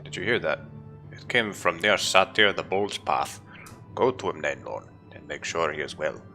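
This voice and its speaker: A stern barbarian hunt leader gives orders in a low, gravelly voice, read out by a man in his own voice. The delivery is commanding and solemn, as in a fantasy video game, with game music playing clearly underneath. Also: moderate pace, sharp tone. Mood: urgent.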